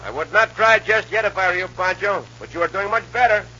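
A man's voice: high voice, brisk, a little hiss or hum. An actor playing a charming, patient caballero hero who encourages his friend and drops in words. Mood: encouraging. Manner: warm, encouraging, sprinkles Spanish words. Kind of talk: 1940s radio acting. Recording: muffled old radio recording.

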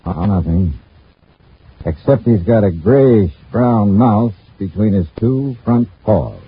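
A man's voice: on the low side, lively intonation, slow pace. An actor playing a wry male insurance investigator who narrates his own case in an old radio detective drama. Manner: wry, dry, hardboiled narration. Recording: tinny scratchy old radio broadcast.

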